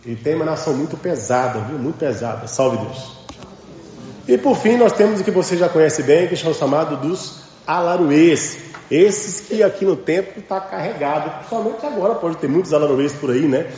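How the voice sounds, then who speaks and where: A man's voice: a little high, lively intonation, moderate pace, warm tone. A man teaching a religious class in a temple, emphatic and full of rhetorical questions to his students. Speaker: spiritual teacher. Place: large temple hall. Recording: echoey hall with dull lo-fi sound.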